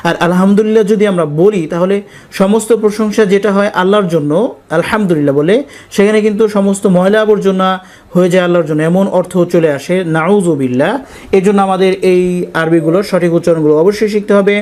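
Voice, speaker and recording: Slow, drawn-out recitation teacher. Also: medium pitch, darkish tone. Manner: drawn-out, slow model pronunciations between brisk explanation; addresses viewers directly. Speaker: Quran pronunciation teacher. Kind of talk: spelling-out recitation lesson.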